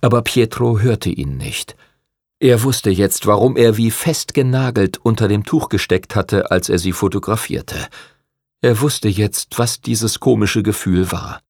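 Low gravelly male storyteller. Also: measured pace, darkish tone, no room sound, clean studio sound. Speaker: audiobook narrator. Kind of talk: scripted narration.

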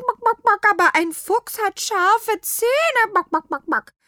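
A woman's voice: lively intonation, measured pace, pushed and bright, dry recording, clean studio sound, full character voice. A woman voicing a fearful, fussy little hen who clucks through her words in a storybook reading. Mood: worried. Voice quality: high clucking voice broken up by clucks.

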